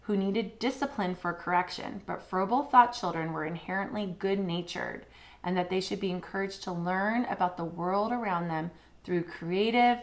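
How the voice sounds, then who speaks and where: A woman co-hosting a relaxed podcast, speaking in a fairly low voice. She chats easily, trails into fillers and restarts, and now and then reads a passage aloud. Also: normal speed. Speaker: podcast co-host. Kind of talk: casual podcast chat.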